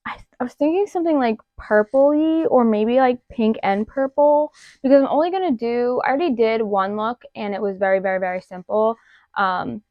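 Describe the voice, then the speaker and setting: A woman vlogging about makeup in a chatty, expressive, rambling way, with a slight lisp. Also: medium pitch, no room sound. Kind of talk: casual chat. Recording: dull lo-fi dry sound.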